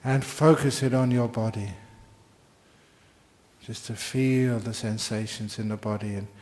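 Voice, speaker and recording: A man teaching meditation, giving slow, gentle guided meditation instructions with long, unhurried pauses. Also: medium pitch, fairly even intonation.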